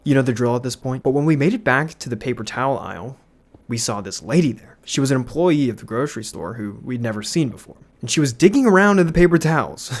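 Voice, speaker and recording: A young man, a YouTuber, telling a storytime with animation, laughing and swearing freely. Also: medium pitch. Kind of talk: storytime narration.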